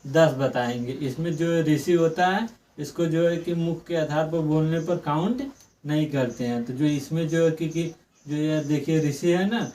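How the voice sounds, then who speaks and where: A man's voice: a little high, darkish tone. Repetitive male teacher, slightly distant mic. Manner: repetitive, asks and answers own questions; draws out sounds slowly when demonstrating. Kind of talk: exam-prep grammar lesson.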